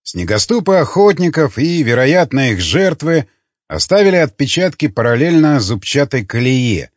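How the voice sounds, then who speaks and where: Male narrator, husky and expressive, dry close recording. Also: fairly high pitch, normal speed, dry recording, muffled recording. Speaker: audiobook narrator. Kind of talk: scripted narration.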